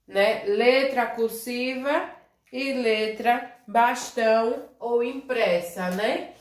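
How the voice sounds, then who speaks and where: Slow, echoey Brazilian woman teaching kids. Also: a little high. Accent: Brazilian Portuguese. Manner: speaks of herself as "tia", many tag questions like "né?" and "certo?"; drawn-out syllables when modelling words. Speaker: primary school teacher. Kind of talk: slow, simple review lesson for young children.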